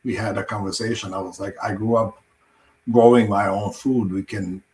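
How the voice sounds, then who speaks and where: A man's voice: lowish voice, steady tone, moderate pace, darkish tone, low-quality recording. A middle-aged man with a Croatian accent, a farm owner telling his story earnestly in a podcast interview.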